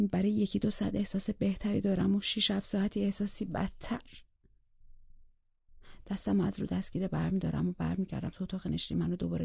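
Husky, gravelly woman narrating a novel. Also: mid-range voice, mellow, dry recording, dull audio. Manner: intimate, tense storytelling, drops to whispers. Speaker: audiobook narrator. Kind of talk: first-person novel narration.

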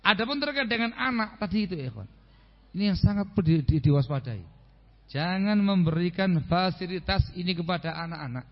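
A man giving a lively religious lecture on a radio program, often stopping to check that his listeners understand. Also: sits high, brisk, big-room sound, highs cut off. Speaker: Islamic preacher.

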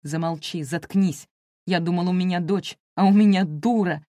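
A woman's voice: lowish voice, normal speed, dry recording, clean studio sound, lightly acted. A woman voicing a frightened, furious middle-aged father who barks harsh orders at his family. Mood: angry barking. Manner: barking, harsh shouting.

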